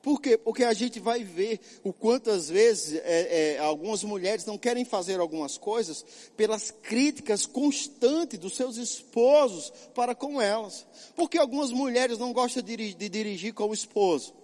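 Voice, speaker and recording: A man's voice: sits high, normal speed, few pauses, darkish tone, in a large hall. A middle-aged male pastor preaching a sermon, emphatic, often asking and answering his own questions.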